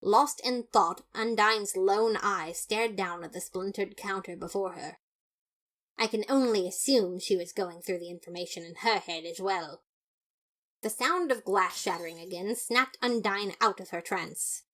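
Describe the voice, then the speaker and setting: This time the woman's take on the male skeleton detective is mid-range, fairly bright and only lightly acted, at an unhurried pace. Still narrating his case in the fan audio drama, he comes across as earnest, dramatic, boastful, theatrical, self-satisfied and emphatic.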